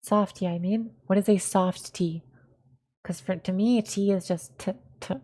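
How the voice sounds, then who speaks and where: Giggly, self-deprecating woman streamer from California, middle pitch, rambling casual chat. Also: fairly even intonation, moderate pace, mellow. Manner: repeats words over and over, testing pronunciation. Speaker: live streamer.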